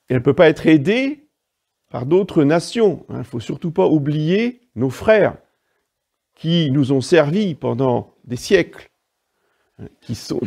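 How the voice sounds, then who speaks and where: Priest giving a sermon, fairly high, mellow, gravelly voice with lively pitch, didactic and emphatic. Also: male voice. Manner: didactic, emphatic asides, frequent "hein" and "vous voyez".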